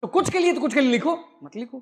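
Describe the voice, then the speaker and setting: A man's voice: very high-pitched, lively intonation, fast talker. A man teaching a class, constantly quizzing students with rhetorical questions, recorded in a large classroom. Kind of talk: classroom lecture. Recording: echoey hall with long reverb.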